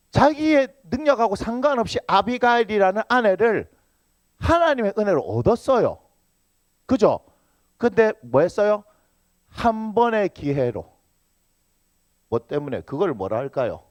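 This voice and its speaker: A male pastor delivers a sermon in a high, lively voice that leaps around as he teases the congregation. He fires rhetorical questions at them. The sound is close and dry. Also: dry recording. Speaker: senior pastor.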